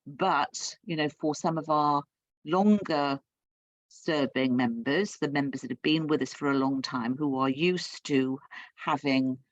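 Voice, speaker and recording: A woman's voice: low voice, unhurried, no echo. Woman talking in a dull, dry online call. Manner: thoughtful, many restarts and fillers. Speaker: guest speaker. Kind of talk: webinar answer to questions.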